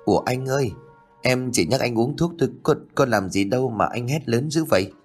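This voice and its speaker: A man voicing a brisk young female nurse who scolds a patient, in an audio story. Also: mid-range voice, slightly rough, soft background music, voice pushed up, close to an everyday voice. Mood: stern. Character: stern young woman hospital nurse.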